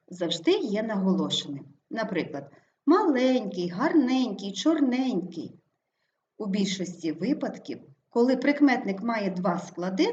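Woman teacher with a lively, roomy voice. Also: mid-range voice, a little hiss or hum. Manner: careful, stress-marking pronunciation of example words. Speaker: language teacher. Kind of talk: scripted lesson narration. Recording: roomy, slightly dull sound.

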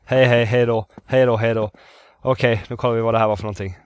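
A man's voice: medium pitch, fairly even intonation, darkish tone, dry recording. A man from Sweden commentating a horror game, nervous and jumpy, muttering to himself, repeating phrases and swearing when startled. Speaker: gamer playing a horror game. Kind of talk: let's play commentary.

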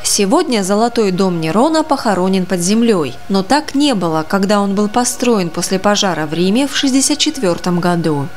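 A woman reads a news report in a measured, even voice-over recorded in a studio. Soft music plays faintly underneath her. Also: mid-range voice. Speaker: news narrator.

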